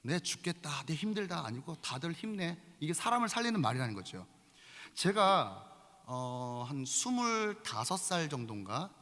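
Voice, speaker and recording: A man in his forties preaching a sermon as pastor, conversational and animated, often calling out to the congregation. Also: a little high, moderate pace. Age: 40s. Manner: lively, conversational preaching with frequent appeals to the congregation. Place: large church sanctuary. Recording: long reverb of a large hall.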